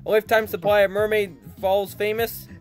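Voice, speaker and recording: A man's voice: high-pitched, level tone, a little fast. A man giving casual, playful gaming commentary, reading game dialogue aloud and teasing with some swearing. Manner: playful, teasing, foul-mouthed. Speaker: let's play host. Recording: light game music behind voice. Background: video game music.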